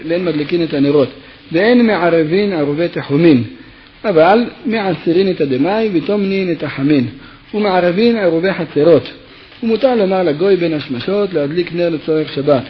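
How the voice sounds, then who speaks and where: A man's voice: sits high, dull audio, a little hiss or hum. A man teaching a Torah lesson, telling a parable with acted quotes and then explaining legal texts step by step. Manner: storytelling with lively acted quotes, then steady explanatory reading of legal text. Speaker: rabbi teaching.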